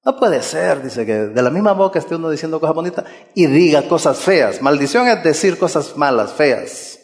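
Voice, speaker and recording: A man preaching an earnest sermon, exhorting his listeners and circling back to the same key phrases. His voice is high for a man. It rings out with a long hall reverb. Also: animated, normal speed.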